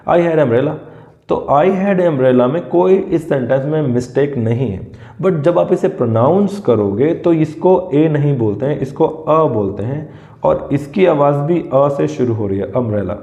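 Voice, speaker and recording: A man with an Indian accent teaches English grammar in a casual, unhurried way. His voice is dark and mellow, and he goes over each example sentence slowly. The recording is roomy and a little dull. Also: medium pitch. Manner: explains patiently, repeating example sentences slowly.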